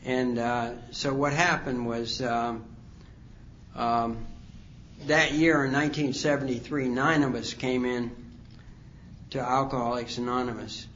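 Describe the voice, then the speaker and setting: Speaking in a conference hall, a sixty-something man wanders through the story of his own recovery, pausing often and leaning on fillers. His mid-range voice holds a steady, fairly bright tone, captured on a dull, lo-fi recording with faint background hum.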